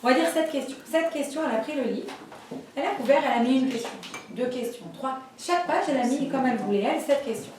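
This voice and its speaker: A woman with a high voice teaches a religious class through lively stories, acting out the voices of the people in them. She is recorded from far off in a very echoey room. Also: fast, a little hiss or hum. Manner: lively storytelling, acts out voices. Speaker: Torah teacher. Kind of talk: storytelling class.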